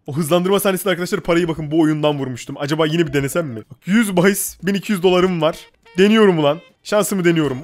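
A man casually commenting on his own gameplay, talking to himself and his viewers, often getting excited. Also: fairly high pitch. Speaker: gaming YouTuber.

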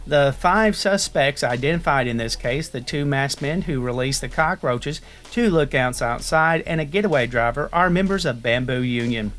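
A man's voice: on the high side, fairly bright tone. Man reading out a news story. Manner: loose, jokey asides between reading. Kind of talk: reading a news article aloud.

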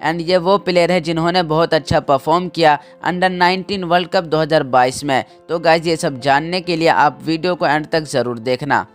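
A man narrates a cricket roundup in a voice sitting a touch high. He reads a prepared script and turns to his viewers now and then, with faint music running behind him.

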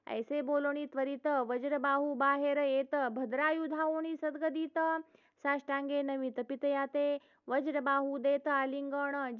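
A high-voiced woman recites devotional verse in a slow, flat, chanting cadence. The sound is thin and phone-like, with no room echo around her. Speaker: scripture reader. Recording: tinny phone-like dry recording.

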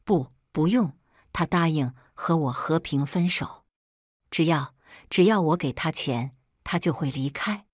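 A woman's voice: on the low side, expressive, measured pace, dry recording, clean studio sound. Woman voicing a pleading, manipulative young daughter. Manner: pleading, stammering. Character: young adult daughter, pregnant, wheedling and manipulative. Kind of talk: scripted storytelling.

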